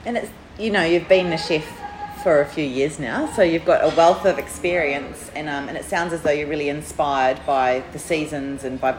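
Casting: female interviewer, broad New Zealand accent, low register, conversational, roomy recording. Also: moderate pace. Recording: echoey room with background noise.

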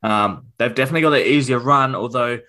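A man co-hosts a casual football podcast in a fast, medium-pitched voice. He's relaxed and thinks aloud, with plenty of ums and restarts.

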